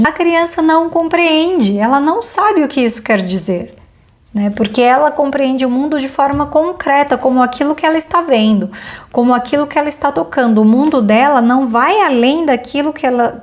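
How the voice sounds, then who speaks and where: A woman teaching a parenting course module, talking earnestly and asking the listener rhetorical questions. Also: a little high.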